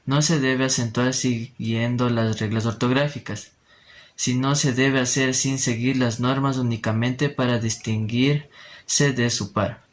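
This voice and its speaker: A male student giving a class presentation, reading from notes and stumbling over words now and then. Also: medium pitch.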